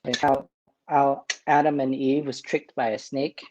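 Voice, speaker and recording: Man, priest, very slow pace, chuckles a lot, lots of uh and um pauses, casual cooking demo. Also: medium pitch, little pitch movement, background noise. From Vietnam. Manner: unhurried, chuckling, many filler pauses.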